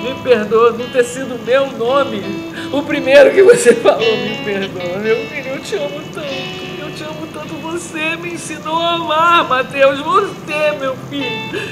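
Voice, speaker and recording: A woman's voice: high voice, normal speed, natural voice. An actress playing a grieving mother who lost her son, in an intense, pleading theatre monologue. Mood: tender. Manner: intense, pleading, breaking into shouts. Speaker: stage actress. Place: theatre stage. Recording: echoey theatre with loud music.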